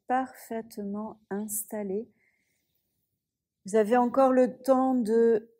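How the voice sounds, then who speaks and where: This medium-pitched female yoga instructor talks listeners through yoga nidra relaxation softly and soothingly, pausing at length.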